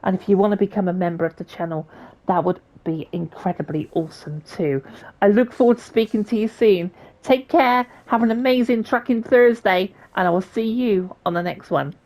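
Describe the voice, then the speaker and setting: A woman hosting a trucking game channel, giving her opinion in a chatty, thankful way and sounding a little hoarse. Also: mid-range voice, a little fast, a little mellow, poor audio. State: slightly losing her voice. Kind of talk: casual video commentary and sign-off.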